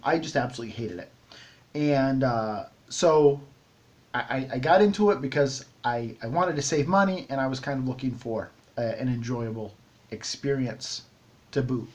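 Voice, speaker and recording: A middle-aged man hosting a shaving vlog, talking casually to camera with many ums and restarts. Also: a little high. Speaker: shaving video host.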